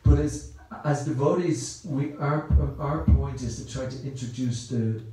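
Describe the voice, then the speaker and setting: With a warm, medium-pitched voice and a slightly slow pace, an Irish man gives a loose, conversational Sunday talk in a temple hall. He repeats words as he goes, and the room echoes heavily.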